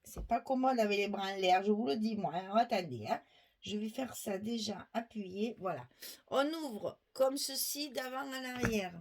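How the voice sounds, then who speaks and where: A middle-aged woman hosts a crafting tutorial, demonstrating a project step by step at her worktable. She's chatty, explaining as she works and making asides to viewers, in a medium-pitched voice at normal speed.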